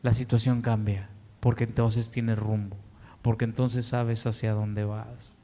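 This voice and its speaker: This preacher's voice sits on the low side, dark and with little pitch movement, as he pleads earnestly through a slow, deliberate sermon. He has a Mexican Spanish accent, and the church sanctuary echoes with long reverb.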